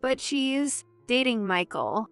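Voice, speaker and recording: A woman narrating a first-person drama story in a measured, earnest way. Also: fairly high pitch, sing-song, creaky, a bit bright, clean tone, faint music behind.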